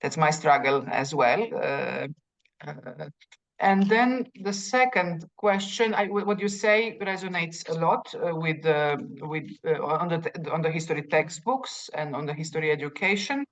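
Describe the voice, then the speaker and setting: A woman's voice: low-pitched, animated, measured pace, a little hiss or hum. A woman from Croatia, asking a seminar speaker questions in a thoughtful way with frequent restarts.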